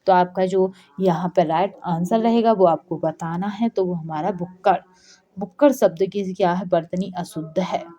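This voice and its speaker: A woman's voice: on the low side, normal speed, warm tone, highs cut off. A woman teaching an exam-prep lesson, working through answers step by step and posing questions she answers herself. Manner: explains step by step, keeps asking and answering her own questions. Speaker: Hindi teacher.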